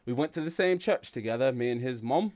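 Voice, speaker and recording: A man's voice: medium pitch, a little fast, smooth, no room sound, highs cut off, lightly acted. An American man, a tech channel host, putting on a hammy fake London English accent with British slang during a livestream Q&A. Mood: playful. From United States.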